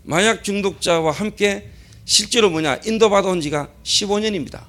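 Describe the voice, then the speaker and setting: During a church service, a middle-aged male pastor delivers a sermon in a high, slightly bright voice at a moderate pace. He repeatedly asks rhetorical questions, answers them himself, and repeats key phrases for emphasis.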